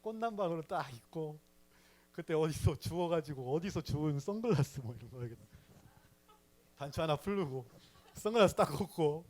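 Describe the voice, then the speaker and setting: A man's voice: a little high, animated, moderate pace, a little mellow. A young man telling his personal faith story in a sermon to a youth service, chatty and playful with the audience. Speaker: youth ministry speaker.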